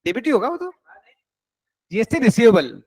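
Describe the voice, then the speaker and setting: A man's voice: high voice, huge pitch swings, moderate pace, darkish tone, no echo. A man teaching an accounts class, coaxing and encouraging his students and mixing in English terms.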